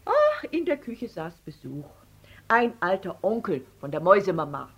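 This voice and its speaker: A woman reading a children's story aloud in an expressive, playful manner. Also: mid-range voice, normal speed, lo-fi sound, a little hiss or hum.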